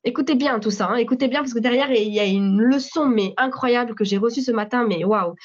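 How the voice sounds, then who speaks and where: A woman with a French accent giving a spontaneous spoken testimony at a church meeting, animated storytelling with frequent restarts. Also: fairly high pitch, a little fast, breathy edge. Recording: slightly dull audio recording.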